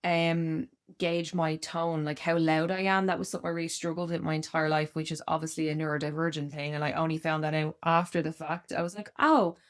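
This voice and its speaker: A woman in her thirties co-hosting a podcast in casual chat, loud and giddy, candid and quick to laugh. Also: sits low, flat delivery. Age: 30s. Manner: candid, laughs often, acts out quoted voices. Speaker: podcast co-host.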